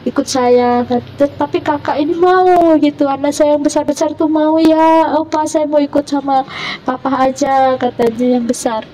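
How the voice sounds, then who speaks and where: A woman gives an emotional testimony about her conversion as a guest, quoting family members in her own voice and rising high when she's moved. Her tone is steady and dark, her pace moderate. She sits far from the mic, and the low-quality recording carries slight background noise.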